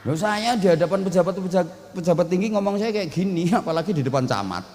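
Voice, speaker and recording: A man's voice: high voice, lively intonation, quick pace, long reverb tail, noisy background. A man preaching a humorous sermon, blunt and joking, mixing in local dialect.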